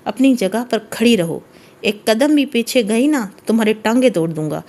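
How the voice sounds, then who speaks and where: A woman's voice: fairly high pitch, lively intonation. A woman reading the part of a stern, jealous young husband in an audiobook, commanding and harsh. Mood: angry. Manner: commanding and harsh, then softening.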